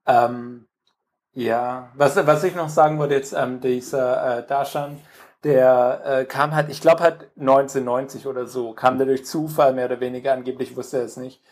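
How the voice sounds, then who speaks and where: A man's voice: mid-range voice, steady tone, moderate pace. A man co-hosting a podcast in casual conversation, hesitant and full of fillers. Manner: hesitant, many fillers, mimics other voices for quotes. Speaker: podcast co-host.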